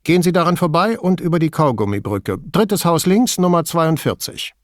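A man's voice: fairly high pitch, sing-song, no room sound, clean studio sound, voice pushed up. A man doing a curt, wary woman on the phone. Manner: curt, hurried. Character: wary middle-aged widow on the phone, curt. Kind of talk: audiobook dialogue.

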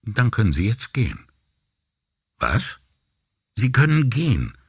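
A man's voice: sits low, big pitch swings, moderate pace, fairly bright tone, husky, dry recording, studio quality, heavily acted. A man voicing a dryly polite police commissioner. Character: calm, politely ironic male police commissioner. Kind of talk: audiobook character voice.

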